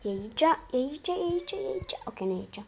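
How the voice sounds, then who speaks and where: A hoarse-voiced woman gamer gives casual, slangy commentary on her gameplay, muttering to herself and then bursting out loudly. Her voice is high, with big pitch swings.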